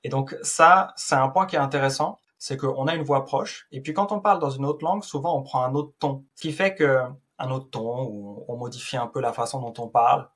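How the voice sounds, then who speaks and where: A man casually explaining a software tool as a YouTuber, in a loose, informal way with frequent hesitations. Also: medium pitch, fairly quick, hardly any pauses, husky.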